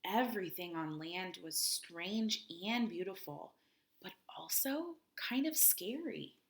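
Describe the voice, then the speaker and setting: A woman reading a children's picture book aloud expressively, with dramatic pauses, chatty asides and questions for her young listeners. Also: lowish voice, expressive. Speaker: children's read-aloud host.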